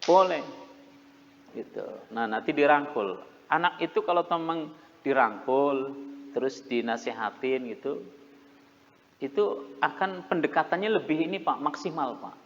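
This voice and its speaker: Man, middle-aged, animated sermon storyteller; muffled lo-fi mosque recording. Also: fairly high pitch, a little slow, long pauses. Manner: animated storytelling with laughs, mimics shouting. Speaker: preacher. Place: mosque hall. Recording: muffled reverberant hall recording.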